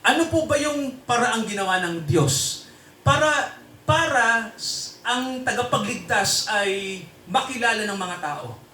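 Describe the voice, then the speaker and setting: A man's voice: extremely high pitch, expressive, measured pace, pauses often, pushed and bright, distant mic, slight background noise. A man preaching a sermon in a church hall and quizzing the congregation with repeated tag questions, then leading them in prayer. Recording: echoey room, voice from off-mic, faint ambience.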